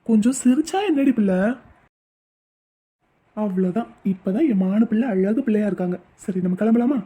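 Woman doing a soft-spoken young husband, dark mellow husky voice, coaxing, audio drama. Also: mid-range voice, moderate pace, natural voice. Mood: soothing. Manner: soothing, coaxing. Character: gentle devoted young man comforting his wife.

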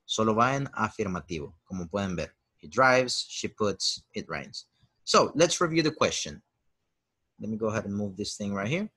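Lively male English teacher, native Spanish speaker. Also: lowish voice, moderate pace, husky. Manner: explains grammar, drilling example sentences; switches between Spanish and English. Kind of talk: lesson.

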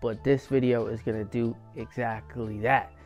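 A young man talks in a flat, even tone as he walks through his basement print shop on a clip-on mic. He explains the rooms in a relaxed, chatty way, and soft music plays quietly underneath. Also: mid-range voice, normal speed, muffled recording. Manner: relaxed, explanatory, leans on fillers like "game changer". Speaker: small business owner giving a shop tour. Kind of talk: casual walkthrough vlog. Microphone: lapel mic.

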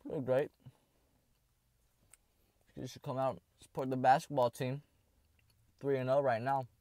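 A teenage boy rambling offhand through a casual snack review in his parked car, often dropping into low, soft asides. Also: level tone, unhurried, no room sound.

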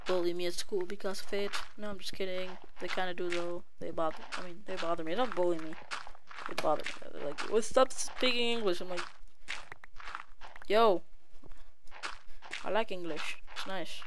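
A woman's voice: on the low side, fairly even intonation, moderate pace. Rambling teen girl from Chile, noisy mic. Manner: rambling, jokey, talks to self, counts aloud. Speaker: let's play gamer. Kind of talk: casual gameplay commentary.

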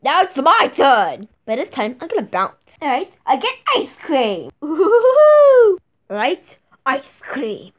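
A woman's voice: high-pitched, sing-song, a little slow, few pauses, a bit bright. A woman improvising a toy puppet show in theatrical, exclamatory character voices. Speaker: puppeteer voicing plush toys. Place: indoors at a table, handling toys.

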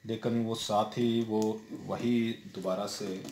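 Slowly and with little pitch movement, a low, darkish-voiced TV repair technician talks through a repair at his workbench indoors. He goes step by step, using plenty of fillers and saying "theek hai" again and again. Faint noise and roomy echo are audible.

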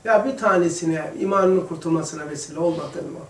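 A man giving an informal religious lesson to a small group, chatty and addressing listeners by name, moving between hushed asides and emphatic passages. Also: fairly high pitch, a little fast. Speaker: religious teacher. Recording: echoey room, distant mic.

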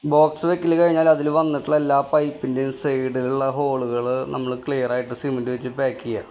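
A man's voice: medium pitch, level tone, fast, dark tone. A man, an electrician hosting an on-site how-to video, explaining the job in a plain, matter-of-fact way outdoors at a house build site. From Kerala, India. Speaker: electrician and channel host.

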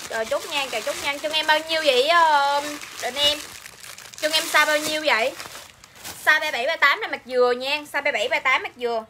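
A woman's voice: high voice, pushed and bright, slight background noise. A woman with a Southern Vietnamese accent selling clothes on a livestream, chatting and repeating each line to coax her viewers. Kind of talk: live-sale selling chat.

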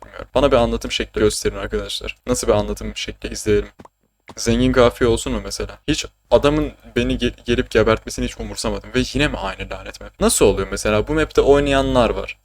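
A man's voice: medium pitch, quick pace. A young man from Turkey chatting casually while streaming a game, joking, swearing and often laughing. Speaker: gaming streamer. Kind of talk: casual gaming commentary.

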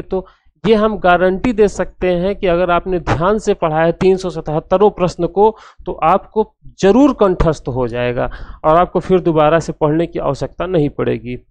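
A man's voice: high voice, darkish tone, clean tone, dry recording. A man tutoring for an art teaching exam, explaining each answer steadily and restating every point as he walks through the options.

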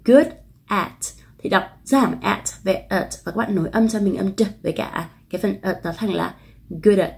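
A woman with a Vietnamese accent teaching English pronunciation, modeling phrases slowly and clearly. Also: medium pitch, fairly even intonation. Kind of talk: pronunciation lesson.

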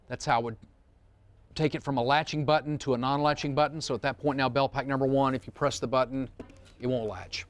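Seated at a demo table with a small group in a studio room, a middle-aged man runs a seminar, explaining a product informally and plainly with casual asides. A close wireless mic captures his mid-range voice in a dry recording.

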